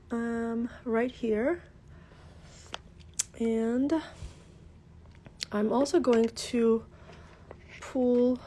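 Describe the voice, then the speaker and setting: This woman's voice sits a little high, with a gravelly, warm tone and a slight hiss or hum in the audio. She has a cold and sounds congested while hosting a casual craft livestream from her desk, greeting viewers in a chatty way full of fillers. Albanian is her first language, and she's a craft tutorial host.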